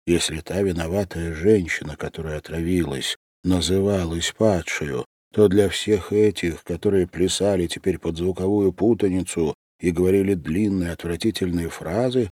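A man narrating a classic story as an audiobook in an expressive reading style. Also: deep voice, slightly rough, dry recording, clean studio sound.

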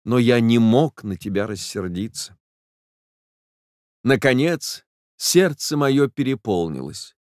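A man's voice: mid-range voice, animated, slow pace, long pauses, darkish tone, no room sound, clean studio sound. A man narrating a literary audiobook in the first person, in a reflective, emotional way.

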